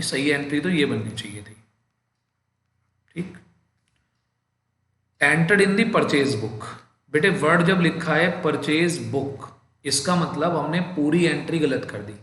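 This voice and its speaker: Male Indian tutor, patient step-by-step lecture delivery with slow dictation, in a reverberant room. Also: on the high side, a bit bright, a little hiss or hum. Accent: Indian English mixed with Hindi. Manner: explains step by step, addresses students as "beta", slows down to dictate entries. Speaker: accountancy teacher. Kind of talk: classroom lecture.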